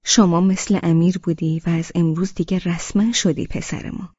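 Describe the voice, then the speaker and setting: A woman voicing a fond old grandmother who talks in a halting, motherly way, in an audiobook. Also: fairly low pitch, steady tone, darkish tone, slightly rough, no room sound, lo-fi sound. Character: sweet chatty old grandmother, hesitant and fond. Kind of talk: audiobook character reading.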